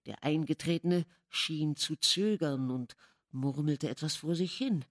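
A woman reading a classic novel aloud as an audiobook, in measured, dramatic storytelling. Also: sits low. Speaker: audiobook reader. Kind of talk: literary audiobook narration.

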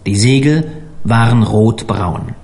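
A man reading a story aloud as an audiobook narrator, expressive and measured. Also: on the low side. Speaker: audiobook reader. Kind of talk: scripted narration.

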